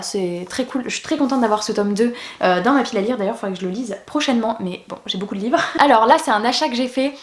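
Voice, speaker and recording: A woman's voice: a little high, reverberant. A woman chatting casually through a book haul vlog, talkative and full of fillers and restarts. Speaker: book YouTuber.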